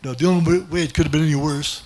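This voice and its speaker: A man's voice: on the high side, fairly even intonation, rapid-fire, darkish tone. A man doing stand-up, telling a rambling self-mocking story with many restarts. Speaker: stand-up comedian. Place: comedy club stage.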